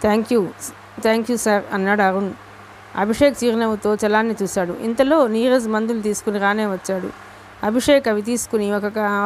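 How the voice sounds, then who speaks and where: A woman's voice: medium pitch, slight background noise. A woman narrating a romance novel as an audiobook, telling the story steadily and sometimes restarting a word. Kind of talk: reading a Telugu novel aloud.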